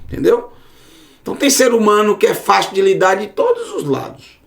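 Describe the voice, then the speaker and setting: A man's voice: sits high, huge pitch swings, normal speed, vocal fry, a bit bright. A man giving a casual online Hebrew lesson, repeating words to drill their sound. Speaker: Hebrew teacher.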